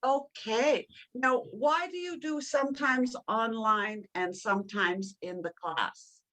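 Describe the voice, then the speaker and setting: A woman teacher speaks slowly with a bright, fairly high voice. She asks her learners short, simple questions and gives them time to answer. Her pace is unhurried and clear. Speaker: language instructor.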